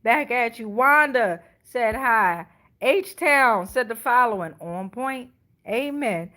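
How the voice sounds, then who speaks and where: Her voice a little high, expressive, pushed, and bright, a middle-aged American tarot reader takes it slowly during a casual live-streamed reading, sassy, emphatic, and free with swearing.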